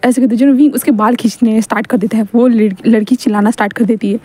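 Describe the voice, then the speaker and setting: A woman's voice: on the high side, fairly even intonation, quick pace, mellow. Chatty woman retelling a story. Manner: chatty, repetitive narration with many restarts. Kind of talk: casual retelling of a fan-fiction story, voicing the characters' lines.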